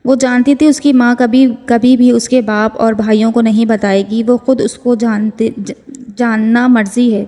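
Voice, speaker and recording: Female novel narrator, emotional and slow; flat, high delivery with hall echo. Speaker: novel reader. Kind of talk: reading a romance novel aloud. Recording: long hall reverb.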